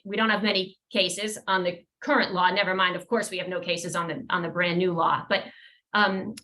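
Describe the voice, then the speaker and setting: A woman attorney presents a professional webinar in a medium-pitched, slightly bright voice, though the audio quality is poor. She explains her points in a measured way, with occasional fillers and restarts.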